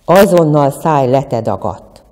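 A woman's voice: extremely low pitch, animated, warm tone, in a large hall. A woman voicing a grumpy male truck driver who scolds. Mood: cross.

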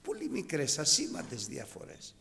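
A man in his fifties preaching a sermon to his congregation, animated and emphatic. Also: on the high side, vocal fry, slight background noise. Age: 50s. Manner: animated, emphatic, addresses brethren. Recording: hall reverb.

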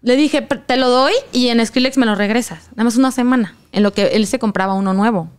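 A young woman with a Mexican Spanish accent telling a personal story in casual chat, animated and slangy, acting out what people said. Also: on the high side, brisk, clean tone. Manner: animated, slangy, acts out quoted lines.

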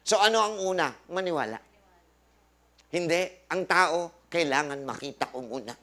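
Bright-voiced doctor preaching health. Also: male voice, fairly high pitch, expressive, moderate pace. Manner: preachy, asks rhetorical questions, quotes scripture; jokey asides, mixes English into Tagalog. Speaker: doctor hosting a health forum. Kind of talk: lecture to a live audience. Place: live forum in front of an audience.

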